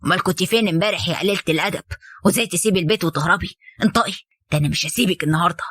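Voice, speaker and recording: A woman's voice: on the low side, breathy edge, no echo, clean studio sound, pitched below the performer's own voice. A woman voicing an angry, strict Egyptian father who scolds his daughter, in Egyptian Arabic. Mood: furious. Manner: scolding, shouting fast.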